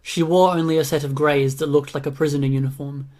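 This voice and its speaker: Audiobook narrator, male, mid-range voice, flat steady delivery. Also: on the high side, fast. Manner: even, steady reading. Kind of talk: scripted narration.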